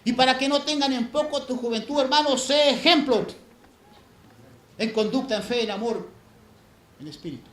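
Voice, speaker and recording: Male pastor, very high voice, sermon with dramatic loud-to-hushed swings; echoey church sound. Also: normal speed, pauses often, slight background noise. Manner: preaching with sharp swings between loud emphasis and hushed lows. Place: church sanctuary. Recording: echoey church room, faint ambience.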